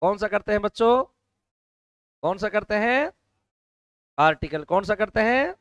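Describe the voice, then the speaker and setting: Hoarse teacher quizzing a class aloud. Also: male voice, high-pitched, expressive, measured pace, no room sound. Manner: loud call-and-response questioning of students. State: hoarse throat. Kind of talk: classroom lecture.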